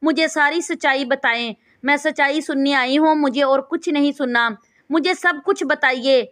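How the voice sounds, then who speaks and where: A spirited young bride from a spoken storybook, read by a woman. The voice is high and insistent, pressing her case again and again. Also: a bit bright, dry recording. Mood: pleading. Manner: pleading, insistent reading.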